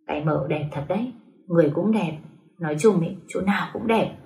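A woman voicing a cold, teasing young lord in a spoken story, talking in a slow, possessive murmur. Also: fairly low pitch, creaky, warm tone.

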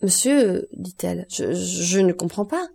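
A woman's voice: medium pitch, animated, normal speed, gravelly, mellow, slightly rough. A woman reading the part of a terrified young wife who stammers and pleads, in an audiobook. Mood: terrified, pleading.

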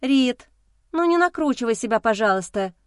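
A caring female friend, warm and lively as she reassures someone, read by a woman. The voice sits somewhat high and is recorded very dry and close. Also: moderate pace, clean tone, no echo, natural voice. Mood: reassuring.

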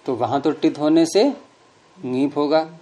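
A man's voice: fairly high pitch, steady tone, unhurried, dark tone. A middle-aged man teaching a grammar class, explaining patiently and quizzing his students. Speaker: Sanskrit teacher.

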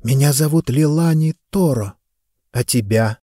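A man's voice: medium pitch, unhurried, mellow, dry recording, studio quality, voice pushed up, natural voice. A man voicing a kind-hearted young girl who pleads earnestly, in an audiobook. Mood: gentle.

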